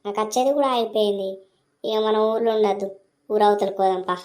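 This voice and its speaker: A woman's voice: medium pitch, fairly even intonation, brisk, a little mellow. Woman playing a brash sketch policeman. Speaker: comedy sketch performer. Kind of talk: comic sketch acting.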